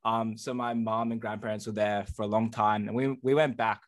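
A man's voice: lowish voice, level tone, fairly quick. Chatty male podcast co-host. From Australia. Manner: friendly and chatty, with fillers. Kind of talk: casual interview chat.

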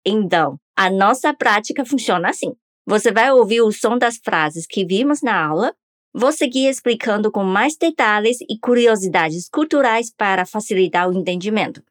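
A woman's voice: mid-range voice, expressive, normal speed, dry recording, studio quality. A woman teaching a pronunciation lesson on a podcast, upbeat and coaxing listeners to repeat after her. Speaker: language teacher.

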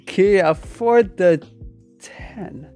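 A woman streamer chatting casually as a podcast guest, emotional and laughing, halting as she talks. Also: mid-range voice, sing-song, mellow, faint music behind. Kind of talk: casual chat on a live stream.

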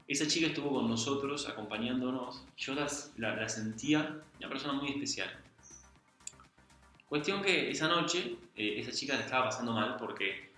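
A man's voice: medium pitch, pushed and bright. A young man with an Argentine accent telling a personal story in an earnest, confiding, colloquial way. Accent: Argentine Spanish. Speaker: guest. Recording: very echoey room, faint music.

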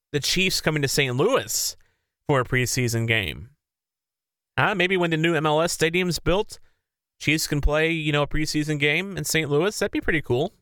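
A male podcast host giving casual sports commentary, opinionated and prone to rambling. His voice is bright and crisp. The sound is dry, with the mic close and no room around him. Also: mid-range voice, no echo.

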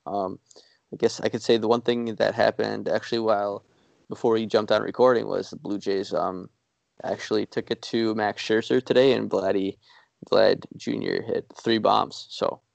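A man co-hosting a podcast, chatting casually about sports in a rambling, self-deprecating way with halting restarts. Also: on the low side, steady tone, creaky, dry recording, highs cut off. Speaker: podcast co-host.

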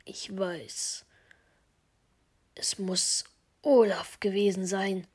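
A woman voicing a hasty uncle who quickly accuses someone else, said in her own husky voice. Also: medium pitch, steady tone, darkish tone. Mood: accusing.

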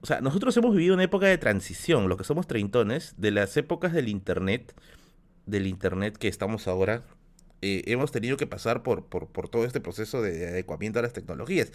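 A man's voice: on the low side, animated, fast. A man tells stories to his live-stream chat. He rambles, restarts his sentences and keeps checking in with his viewers. He is getting over a bad flu. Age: 30s. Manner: rambling, many restarts and filler "¿ya?". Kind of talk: casual storytelling on a live stream.

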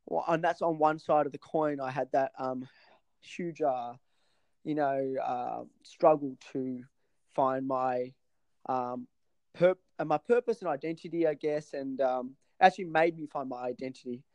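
A man in his thirties, guesting on a podcast, talks about himself in a relaxed, stop-and-start way full of ums and repeated words. His voice sits in an ordinary middle pitch, and the recording is close and dry with no room around it. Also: clean tone, no room sound, poor audio. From Sri Lanka. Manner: halting, many fillers and restarts. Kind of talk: casual interview chat.

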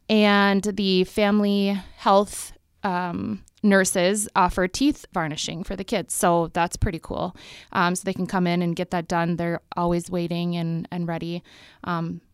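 A woman from public health, a guest on a local interview, talking fast and upbeat with many fillers. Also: mid-range voice, steady tone, clear, resonant tone, no echo, clean studio sound. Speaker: public health event organizer.

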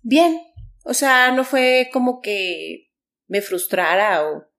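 A woman's voice: fairly high pitch, animated, slow, fairly bright tone. Woman guest, middle-aged, casual chatty storyteller. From Chihuahua, Mexico. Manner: chatty, full of fillers and quoted dialogue. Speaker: interview guest.

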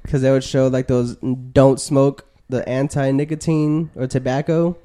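A man's voice: medium pitch, little pitch movement, a little slow, mellow. A man co-hosting a casual comedic podcast, joking in a crude, profane way. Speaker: podcast co-host.

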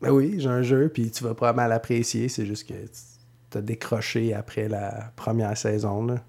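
A man's voice: mid-range voice, flat delivery, moderate pace, vocal fry, dark tone. A man with a Quebec French accent co-hosting a casual podcast, joking dryly with his partner. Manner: dry joking banter. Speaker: podcast co-host. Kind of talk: casual chat.

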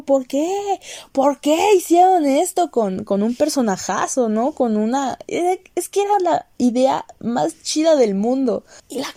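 A young woman with a Mexican accent rants through a casual vlog review, swearing freely and jumping up into sudden high outbursts. Her voice is dark and mellow, recorded dry and close with no room sound. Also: dry recording. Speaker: series reviewer.

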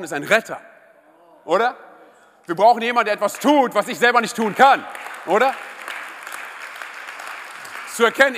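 A man preaching a lively, conversational sermon to a church congregation, often checking in with a quick question. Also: high voice. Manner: energetic, conversational, asks the congregation "oder?". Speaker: pastor. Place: church service hall. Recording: live church hall reverb.

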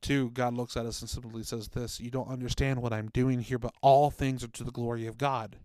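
In a dry, close-sounding room with no echo, a man retells a story for a faith podcast, earnest and chatty, acting out quoted lines. He's a co-host who used to work in children's ministry, with a brisk, flat, darkish medium-pitched voice.

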